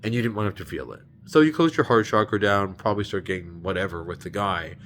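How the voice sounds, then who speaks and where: Low-voiced man, rambling and exasperated monologue, salty language. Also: fast, fairly bright tone, a little hiss or hum. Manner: rambling, exasperated, swears, acts out quoted women. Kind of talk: casual spiritual rant.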